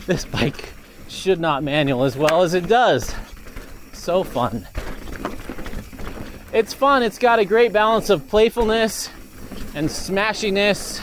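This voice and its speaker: A man's voice: sits high, slight background noise. A man reviewing a mountain bike aloud while riding it on a desert trail, enthusiastic and now and then a little winded. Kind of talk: riding commentary.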